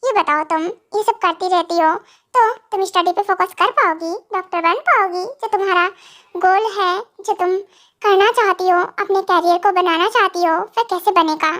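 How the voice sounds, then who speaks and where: A woman's voice: extremely high pitch, normal speed, fairly bright tone. A woman voicing a stern, protective young husband who lectures his wife, in a fan audio drama.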